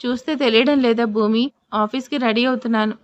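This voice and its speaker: A woman's voice: fairly high pitch, steady tone, a little fast, dry recording, muffled recording, close to an everyday voice. A woman voicing a confused, flustered young husband who asks bewildered, defensive questions. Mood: puzzled.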